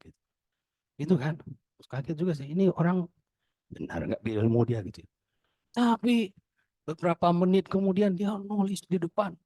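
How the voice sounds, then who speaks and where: A man's voice: no echo, clean studio sound. Chatty middle-aged man telling stories. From Indonesia. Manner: chatty, anecdotal, acts out quoted dialogue with lively pitch jumps. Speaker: speaker giving a testimony. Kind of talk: informal tribute talk.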